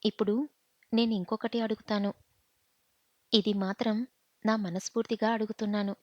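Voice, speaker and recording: Woman narrator voicing gentle young husband, soft pleading delivery, slightly muffled audio. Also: mid-range voice, little pitch movement, moderate pace, dry recording, close to an everyday voice. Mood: tender. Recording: dull, dry lo-fi recording.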